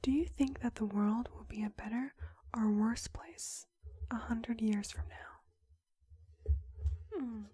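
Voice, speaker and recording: A young woman whispering an ASMR roleplay as a clinic counselor, asking questions softly with pauses. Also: a little high, steady tone, breathy edge, no echo, studio quality. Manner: soft whisper throughout, slow questioning with pauses. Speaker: ASMR creator.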